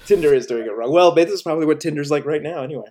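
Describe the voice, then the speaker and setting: A man in his thirties, from the United States, talking about his career as a filmmaker in a relaxed, joking way over a video call. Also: on the high side, racing. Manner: relaxed, self-deprecating humor. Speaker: filmmaker guest. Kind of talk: casual video-call interview.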